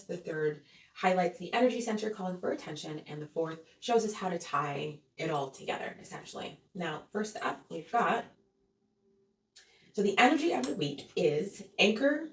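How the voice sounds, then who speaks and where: Earnest woman reading weekly tarot, roomy echo. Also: fairly low pitch. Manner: soothing, earnest, repeats "okay?" to check in with viewers. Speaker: tarot reader and astrology host. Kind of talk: weekly energy forecast with tarot cards. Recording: roomy echo, voice a bit far from mic.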